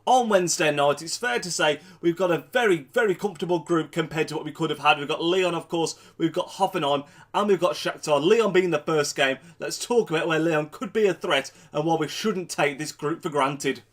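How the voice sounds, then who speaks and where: A young football fan vlogger, his nose blocked by a cold, talks briskly in a slightly high voice with hardly any pauses. He runs through a match preview in a chatty vlog, doubling up words for emphasis.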